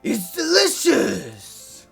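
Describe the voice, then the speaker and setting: A woman voicing a bubbly, cheerful teenage girl in a visual novel, talking loudly and gushing. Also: a little high, wildly swooping pitch, takes it slowly, vocal fry, breathy edge, soft background music, voice pushed up, heavily acted. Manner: loud, gushing.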